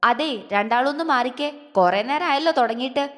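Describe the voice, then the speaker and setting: A woman's voice: sits high, lively intonation, moderate pace. A woman voicing a cheeky younger brother who teases in a mocking way. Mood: teasing. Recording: long hall reverb.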